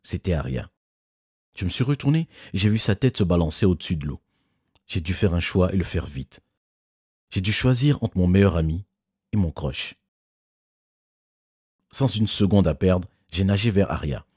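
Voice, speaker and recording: A man doing scripted first-person narration of an animated story. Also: sits low, moderate pace, long pauses, husky, no room sound, clean studio sound.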